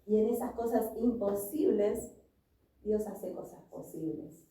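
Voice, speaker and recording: A woman's voice: medium pitch, measured pace, mellow. A woman preaching a sermon, earnestly telling a personal story and reading scripture. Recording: echoey room, voice from a distance.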